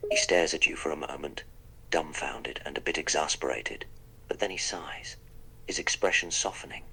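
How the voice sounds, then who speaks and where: A man's voice: very deep voice, moderate pace, vocal fry, bright, forceful tone, slightly rough, exaggerated voice, poor audio. A man voicing the Doctor, a wry, polite eccentric time traveller, in a text-to-speech role-play that narrates his own actions.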